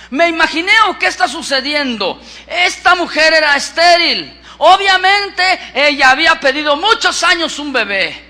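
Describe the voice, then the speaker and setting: High, bright Mexican pastor preaching. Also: male voice. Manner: lively, acts out scripture, asks the congregation questions. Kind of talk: sermon.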